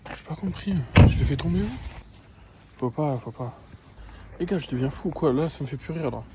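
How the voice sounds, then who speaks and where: A man's voice: fairly high pitch, animated, brisk, noisy background. Ranting young man in a car. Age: 20s. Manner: exasperated, ranting, crude swearing. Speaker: vlogger. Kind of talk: casual vlog. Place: in a car on the road, then outdoors. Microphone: handheld phone camera.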